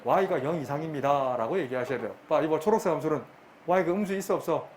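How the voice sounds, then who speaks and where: A middle-aged man lecturing a math class, brisk and bantering, often repeating his questions to the students. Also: fairly high pitch, lively intonation, a little mellow, slight background noise. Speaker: math teacher.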